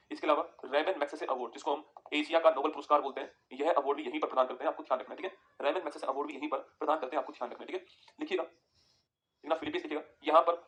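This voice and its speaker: Fast-talking man teaching a map lesson. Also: fairly high pitch, fairly bright tone. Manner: rapid, repetitive, tells students to write points down. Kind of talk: geography lesson over a map.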